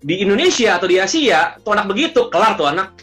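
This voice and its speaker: Man, coach, animated storyteller, bright forceful tone, mixes in English. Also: sits high, quick pace, soft background music. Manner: lively storyteller, mixes English phrases into speech. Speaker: coach and emotional intelligence trainer. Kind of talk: animated conversational explaining.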